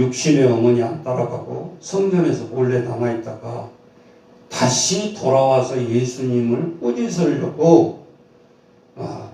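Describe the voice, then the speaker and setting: A man's voice: mid-range voice, dark tone. A man preaching a Sunday sermon as pastor, emphatic and asking his congregation questions. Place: church sanctuary. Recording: echoey church hall from far off.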